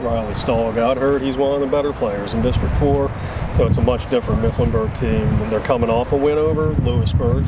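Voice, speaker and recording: A man giving casual sports analysis outdoors at a stadium. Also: medium pitch. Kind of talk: casual sports preview chat. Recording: very noisy outdoor recording.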